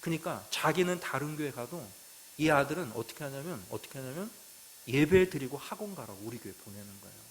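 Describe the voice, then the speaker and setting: A man preaching a sermon as a pastor. He tells stories, asks the congregation questions, and moves between loud emphatic phrases and quiet asides. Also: medium pitch, a little hiss or hum, poor audio.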